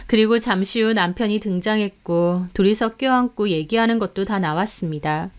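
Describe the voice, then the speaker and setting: A woman narrating a dramatic first-person story in a measured way. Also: mid-range voice.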